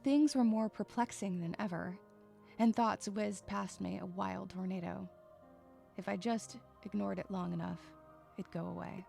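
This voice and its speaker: Speaking as a young female loner who is troubled, sarcastic and irritable, a woman narrates this first-person audio drama with sighing, expressive delivery. Her mid-range voice is creaky and measured, with soft music in the background and a brooding mood.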